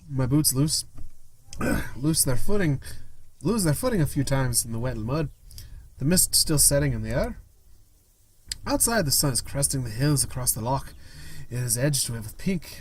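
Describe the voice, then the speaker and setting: A man reading a story game's text aloud, expressive, with quick asides to viewers. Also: mid-range voice, a little hiss or hum. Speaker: gaming YouTuber.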